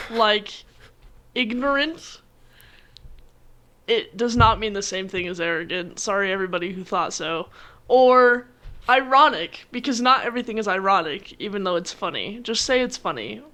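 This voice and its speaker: A young woman co-hosting a podcast in casual chat, emphatic and quick to push back. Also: mid-range voice, pushed and bright. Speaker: podcast co-host. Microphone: podcast microphone.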